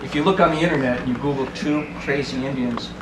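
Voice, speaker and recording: A man's voice: medium pitch, quick pace. A chatty man talks up his family with a boastful, casual manner. The room around him is echoey, and the recording carries heavy background noise. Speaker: participant at a storytelling circle. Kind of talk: casual self-introduction.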